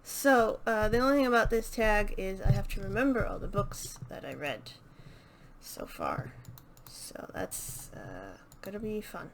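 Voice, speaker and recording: A woman speaks in an unhurried, very animated medium-pitched voice, with slight background noise. As host of a video channel, she chats casually and unscripted about books to camera, hesitating and thinking aloud as she goes.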